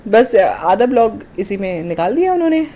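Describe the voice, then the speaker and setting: A woman's voice: medium pitch, big pitch swings, normal speed, mellow. A woman talking in a sarcastic, mocking commentary vlog, slipping English phrases into her speech. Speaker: commentary vlogger.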